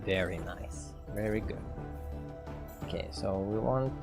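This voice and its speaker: Male dev host, low voice, casual stream commentary, hesitant and chatty, quiet music behind. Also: slow pace, vocal fry. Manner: thinking aloud, hesitant with fillers, reads game text. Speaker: game developer streaming gameplay. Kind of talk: casual livestream gameplay commentary.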